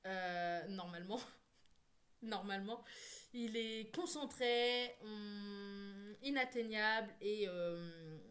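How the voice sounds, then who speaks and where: A woman chatting casually to camera about her reading pile. She rambles, stops herself with fillers and corrects her own words as she goes. Her voice sits at an ordinary middle pitch. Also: slow pace, a bit bright. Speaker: book vlogger. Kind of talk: casual chat.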